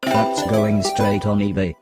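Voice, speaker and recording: Video game role: male actor as greedy old lecher of a dealer, low slow muttering, gloating, music behind. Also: little pitch movement, close to an everyday voice. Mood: gloating, appreciative. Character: shady, greedy old male junk dealer, leering over loot. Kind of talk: video game character barks.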